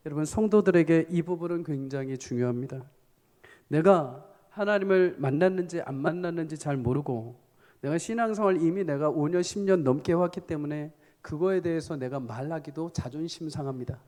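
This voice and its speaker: Middle-aged pastor guy preaching, kinda high voice, gets loud then goes soft, big church reverb. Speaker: senior pastor. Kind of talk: sermon at a Friday prayer meeting. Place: church sanctuary. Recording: long reverb of a church hall.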